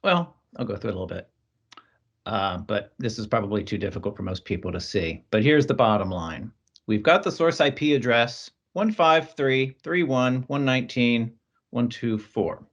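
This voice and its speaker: A man's voice: medium pitch, lively intonation, normal speed, fairly bright tone, lo-fi sound. A man leading an online team meeting, reading aloud with amused asides and easy chuckles. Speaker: team lead presenting to colleagues. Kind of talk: casual work meeting chat. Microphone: video call.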